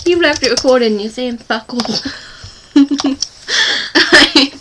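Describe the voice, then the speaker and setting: A woman's voice: sits high, extremely slow, background noise. A woman with a North Welsh accent chatting and giggling playfully while filming a casual video. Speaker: vlogger. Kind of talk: casual chat.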